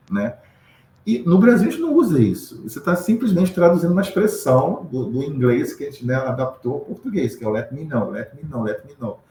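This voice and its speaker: A man from Brazil speaks as an English teacher in a relaxed interview, mid-pitched and steady. He walks through learners' mistakes, acting out the sounds and checking in with quick tag questions. His voice carries a roomy echo over faint background noise. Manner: explanatory, demonstrates pronunciations, frequent tag questions. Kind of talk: casual interview explanation.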